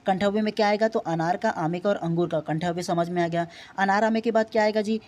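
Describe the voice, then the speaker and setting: A man teaching an exam-prep lesson. He explains patiently, repeats points, and sounds out each vowel slowly. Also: high-pitched, fairly even intonation. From Chhattisgarh, India.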